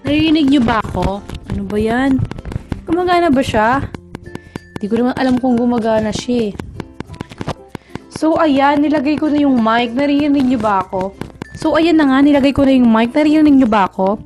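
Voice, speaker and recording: A woman from the Philippines, chatting excitedly in a casual vlog, mixing English and Tagalog, on a cheap lapel mic by a window. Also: high-pitched, moderate pace, long pauses, music in the background. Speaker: vlogger. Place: indoors by a window. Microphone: cheap clip-on lapel mic.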